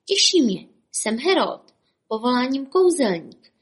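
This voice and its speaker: A woman's voice: high-pitched, sing-song, breathy edge, pitched above the performer's own voice, heavily acted. A gloomy older stage magician, down on his luck, who sighs and speaks mournfully in a somewhat raised voice, as a woman reading a storybook plays him. He is courteous yet full of self-pity.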